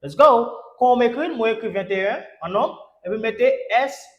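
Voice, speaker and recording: A man's voice: very high voice, animated, normal speed, dull audio. A man with a Haitian accent teaching an English lesson. He drills each word by repeating it three times, spells out letters, and urges his class on with "let's go". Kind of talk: language lesson. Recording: echoey room.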